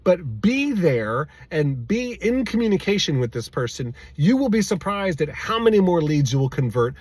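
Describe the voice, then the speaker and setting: A male sales coach tells a story as a lesson, pressing hard on his points and circling back to the same words. His voice sits a little high for a man. The sound is dry and close, with no room around it. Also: big pitch swings, moderate pace, darkish tone, slightly rough, dry recording. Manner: emphatic and exasperated, repeats key words. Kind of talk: storytelling advice monologue.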